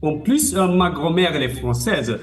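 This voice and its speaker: A man's voice: a little high, lively intonation, a little fast. A man from Germany who runs a video game company, chatting playfully on a video call, laughing and restarting his sentences. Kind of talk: casual video-chat conversation. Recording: distant video-chat audio with music.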